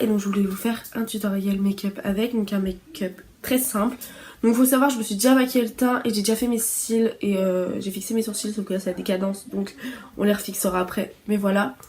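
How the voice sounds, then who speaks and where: A woman's voice: medium pitch, steady tone, brisk, a little mellow, slight background noise. A young woman chatting casually through a makeup tutorial, with many fillers and informal slang. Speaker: beauty vlogger.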